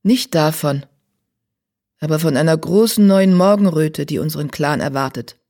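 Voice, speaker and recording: A man's voice: a little high, animated, normal speed, dark tone. A man reading a storybook, voicing a male healer cat who proclaims solemnly while hiding his unease.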